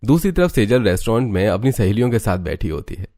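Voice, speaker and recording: A man narrating an animated story in an even, storytelling voice. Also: on the low side, fast, dry recording, clean studio sound. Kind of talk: scripted narration.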